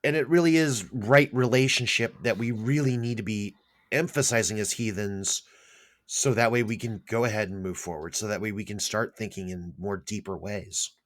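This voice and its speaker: A man in a casual podcast conversation, talking in an agreeable, measured way. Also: on the low side.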